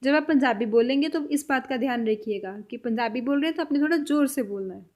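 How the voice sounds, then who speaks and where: A woman teaching a vocabulary lesson, saying each word and then repeating it, with her voice trailing off softly at the end of a phrase. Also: high voice, fast talker. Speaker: language teacher.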